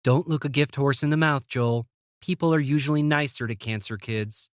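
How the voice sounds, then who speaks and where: A man voicing a worried, blunt middle-aged mother who smokes, raised a little above his own pitch, for an audiobook. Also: normal speed, dry recording, clean studio sound, natural voice. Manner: fussing, blunt.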